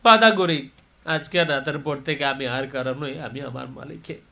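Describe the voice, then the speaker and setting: A man preaching a sermon in a mosque. He is impassioned, rising to loud, high cries and then dropping low to tell a story. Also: steady tone, moderate pace, vocal fry. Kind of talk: Bengali waz sermon.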